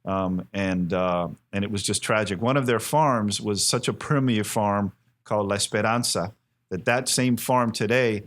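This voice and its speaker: Speaking at a moderate pace, a Miami-born American in his fifties tells stories as an interview guest, earnest and emphatic yet conversational. He runs a cigar company, and his lowish voice has a fairly bright tone.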